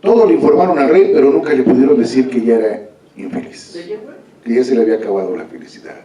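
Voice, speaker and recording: A male author tells a story to an audience in a relaxed, conversational way, often checking in with his listeners. His voice is mellow and dark, picked up from a distance in a large echoey hall. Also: mid-range voice, fast talker, dull audio. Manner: conversational, with frequent "¿no?" tags. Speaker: author presenting his book.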